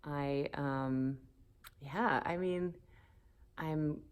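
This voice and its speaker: A woman in her forties from the Southern United States, a pastor speaking candidly in an interview, thoughtful and animated with many fillers. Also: low-pitched, extremely slow, smooth. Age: 40s. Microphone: phone camera.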